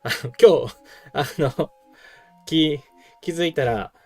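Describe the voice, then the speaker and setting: A man's voice: fairly high pitch, slow, darkish tone, soft background music. A man hosting a game livestream, giving casual commentary on game news to his viewers. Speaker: game live streamer and host.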